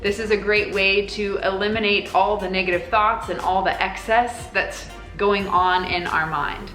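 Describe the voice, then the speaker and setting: A woman's voice: mid-range voice, steady tone, normal speed, a bit bright. A woman giving guided yoga breathing instruction in a nurturing, encouraging manner. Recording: roomy echo, faint music behind.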